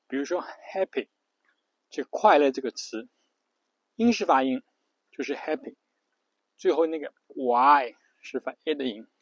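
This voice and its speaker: A man's voice: medium pitch, animated, normal speed, no room sound, lo-fi sound. A man giving a casual spoken lesson on pronunciation, repeating himself often, with words. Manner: repetitive, lots of fillers and restarts, spells letters out. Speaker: English pronunciation teacher.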